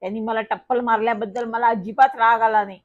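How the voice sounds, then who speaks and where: Woman reading a lively children's story. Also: on the high side, quick pace. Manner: lively first-person storytelling. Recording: dull lo-fi recording.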